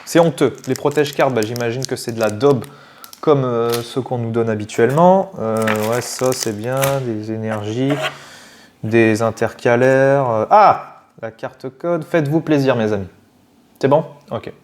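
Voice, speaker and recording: A man with a French accent chatting casually while opening trading card packs, excitable and given to swearing and sudden shouts. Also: mid-range voice, a little slow, slight background noise. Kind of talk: casual unboxing chat.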